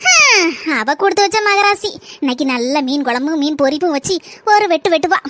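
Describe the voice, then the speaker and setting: Woman voicing a very high-pitched cartoon mother-in-law, nagging and sly, quick bright voice, dry sound. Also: big pitch swings, no echo, exaggerated voice. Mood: wheedling. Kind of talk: cartoon comedy voice acting.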